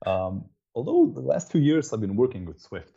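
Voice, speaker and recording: A man's voice: mid-range voice, big pitch swings, normal speed, gravelly, warm tone, breathy edge, dull audio. A middle-aged man from Slovenia with a Slovenian accent, chatting casually as an interview guest. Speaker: interview guest, software developer.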